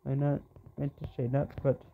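A man's voice: medium pitch, flat delivery, normal speed, narrow, tinny audio. A man giving let's play commentary, rambling and pleading with the game character as he plays. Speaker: gamer.

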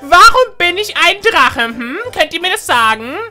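Very high, excitable Minecraft role-player. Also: female voice, moderate pace. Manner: excitable, keeps calling out to viewers. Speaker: YouTuber playing a baby dragon. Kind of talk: Minecraft role-play narration.

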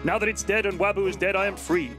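Man doing a sad deadpan robot droid. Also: sits high, fast talker, music in the background, pitched above the performer's own voice, natural voice. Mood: mournful. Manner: flat, stiff robotic delivery.

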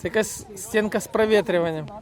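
Man, sideline commentary, grumbling and scolding, high-ish voice, outdoor crowd noise. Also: fast talker. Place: outdoor youth football pitch.

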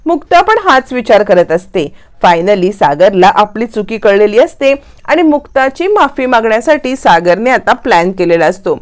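A woman casually retelling a TV serial episode in a steady, chatty way. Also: mid-range voice, normal speed. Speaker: storyteller.

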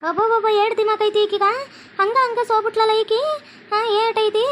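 A woman voicing a bossy, sharp-tongued older mother-in-law in a cartoon, scolding fast in a North Karnataka Kannada accent. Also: level tone, slight background noise. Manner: scolding, rapid and shrill. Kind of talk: cartoon voice acting.

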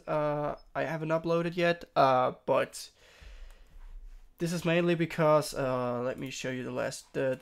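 A young tutorial streamer records a casual software walkthrough of his screen from a room at home. He sounds sick and hoarse, clearing his throat, and his fairly high voice rambles through lots of fillers and self-corrections.

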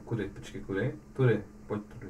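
A man hosting a casual gaming session, coaching a guest with urgent, rapidly repeated commands. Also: fairly low pitch, darkish tone, a little hiss or hum. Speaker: host guiding a guest through a game.

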